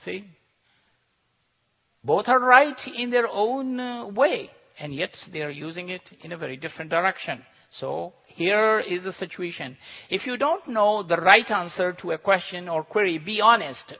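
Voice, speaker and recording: A man gives an earnest lecture, instructive and peppered with jokes, in a fairly high voice. The recording is dull and lo-fi, and a long hall reverb trails every phrase. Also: lively intonation, moderate pace, creaky. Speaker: teacher. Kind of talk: lecture with anecdotes.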